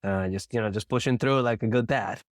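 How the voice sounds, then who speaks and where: A man with an Argentine accent talks as a guest on a podcast, his voice a little hoarse from a recent cold. He sits on the lower side in pitch, laughs easily, and answers in a measured way. The sound is dry and close, with no room around it. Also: dry recording. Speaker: podcast guest, author and mindset coach. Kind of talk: casual interview chat.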